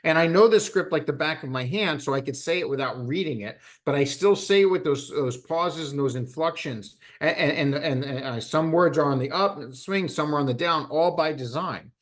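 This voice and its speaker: A middle-aged man leading a live sales training session, talking in an animated way and acting out both sides of phone calls. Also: on the high side, normal speed, few pauses.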